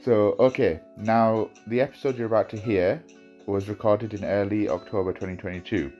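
A man with a croaky, hoarse, worn-out voice introduces a podcast episode as its host. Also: on the low side, normal speed, dark tone, lo-fi sound, soft background music. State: hoarse, voice nearly gone.

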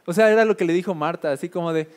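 A man's voice: sits high, very fast, smooth. A man preaching a casual sermon, chatty with frequent filler tags and emphatic repetition.

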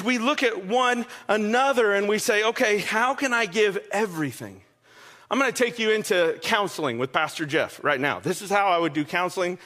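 Bright-voiced joking male pastor. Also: high-pitched. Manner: conversational, joking, checks in with listeners often. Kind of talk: sermon.

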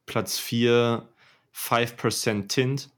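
Talking rap albums on a podcast he co-hosts, this young man is casual, emphatic, slangy, and enthusiastic. He speaks extremely slowly, at a medium pitch, in a steady tone.

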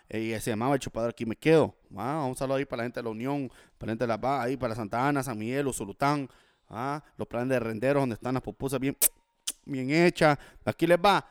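Salvadoran guy hosting a music show, sweary casual hype talk, clean clear voice, really dry sound. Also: medium pitch, no room sound. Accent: Salvadoran Spanish. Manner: slangy, swearing, exhorting listeners, repeats tag questions. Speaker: radio-style music show host. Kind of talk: casual, festive DJ chat.

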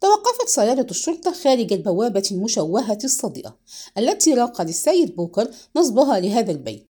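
A woman narrating a novel in a measured, expressive reading. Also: fairly high pitch, husky. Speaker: audiobook narrator. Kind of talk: scripted narration.

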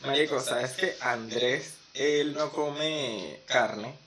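A man's voice: medium pitch, drawn-out words, slight background noise. A young man with a Venezuelan accent, telling stories in a casual, slangy chat. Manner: animated storytelling with slangy asides.

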